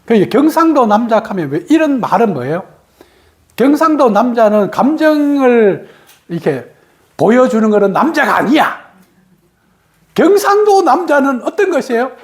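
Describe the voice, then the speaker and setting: A woman's voice: fairly high pitch, sing-song, moderate pace. A woman from Korea's region, giving a meditation talk, asking rhetorical questions, answering them herself, and laughing between points. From Gyeongsang region, Korea. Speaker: meditation teacher.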